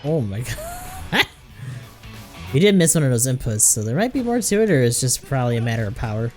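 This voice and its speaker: A man's voice: medium pitch, very animated, a little fast, over music. Casual man laughing through a let's play. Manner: casual, laughs and swears at the game. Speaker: gaming video creator.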